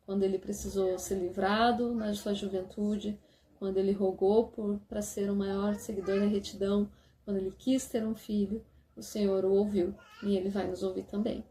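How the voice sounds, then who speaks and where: A woman gently explaining church lessons for parents to teach their children, often checking in with a soft "né?". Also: mid-range voice, little pitch movement, normal speed. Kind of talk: casual instructional talk.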